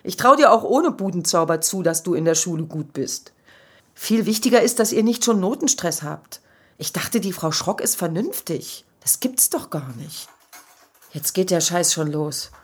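A young woman playing a mother and university student who gets quickly worked up talking to her son in a children's audio drama. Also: on the low side, lively intonation, breathy edge. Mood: exasperated. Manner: exasperated, quick to get worked up.

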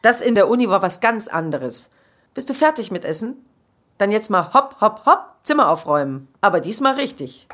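A young woman playing a mother and university student who gets quickly worked up talking to her son in a children's audio drama. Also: medium pitch, sing-song, fairly bright tone. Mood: exasperated. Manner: exasperated, quick to get worked up.

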